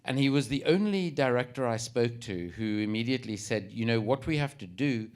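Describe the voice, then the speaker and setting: A South African man answering as a panelist, measured and explanatory with a wry touch. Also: medium pitch, lively intonation, darkish tone.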